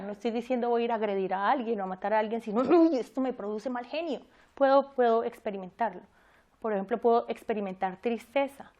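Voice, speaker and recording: A woman's voice: fairly high pitch, darkish tone, highs cut off. Woman giving a church teaching talk. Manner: conversational, asks the audience questions.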